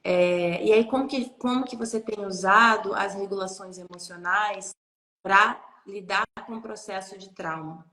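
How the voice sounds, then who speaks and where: A woman's voice: medium pitch, unhurried, pushed and bright, echoey room, slight background noise. A woman hosting a live online interview, asking reflective questions and thinking aloud about the topic. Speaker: host. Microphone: video call.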